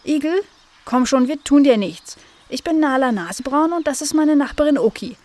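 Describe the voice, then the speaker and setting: A woman's voice: high-pitched, animated, moderate pace, darkish tone, pitched above the performer's own voice. A woman voicing a sensible, friendly young female dog in a children's story, explaining things patiently.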